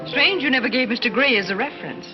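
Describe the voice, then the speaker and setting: A woman's voice: high-pitched, animated, fast. Casting: needling young society woman, screwball comedy banter, arch, dull vintage soundtrack over music. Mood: arch, probing. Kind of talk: 1930s screwball comedy film acting, bantering. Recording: band-limited 1930s film soundtrack with music.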